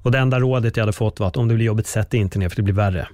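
A young man hosting a podcast, telling a story in lively casual chat and swearing freely. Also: lowish voice, no echo, clean studio sound. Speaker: podcast host.

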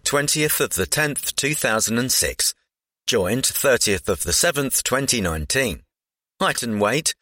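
A man's voice: mid-range voice, pushed and bright, dry recording, studio quality. A man reading a scripted profile aloud.

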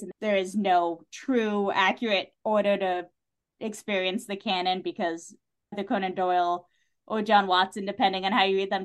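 A woman with a medium-pitched voice joins a podcast as a guest for casual discussion. She tells stories in a lively way, using "like" often and performing her reactions.

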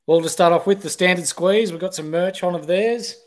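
Man, Australian accent, fairly high voice, casual podcast co-host. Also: fairly quick. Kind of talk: casual sports podcast chat.

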